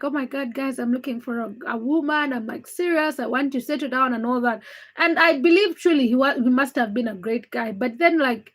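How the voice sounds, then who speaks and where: A young woman from Uganda, speaking English as a non-native, hosts a casual livestream where she reads comments, talks candidly and greets viewers by name. Her voice is a little high, and the audio is poor.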